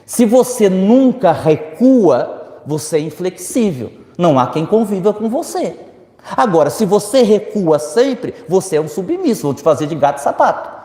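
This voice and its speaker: Speaking at normal speed in a high-pitched voice, a Brazilian-accented man gives a spiritist talk in a reverberant lecture hall. He fields audience questions, addresses listeners directly, and animatedly performs the voices of people he quotes.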